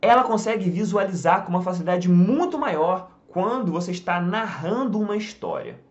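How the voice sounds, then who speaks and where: A Brazilian man gives a casual online lesson, pointing as he explains and checking in with quick fillers. His pitch swings widely and sits a little high. The audio is slightly dull and lo-fi. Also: big pitch swings. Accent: Brazilian Portuguese. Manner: talks while drawing on a board, many fillers like "tá?" and "ó". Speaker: English teacher.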